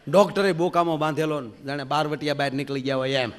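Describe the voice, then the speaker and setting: A man's voice: a little high, fast talker. A man, a folk comedian, telling jokes on stage and acting out the characters. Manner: animated, acts out characters, big loud swings. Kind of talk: live stand-up storytelling.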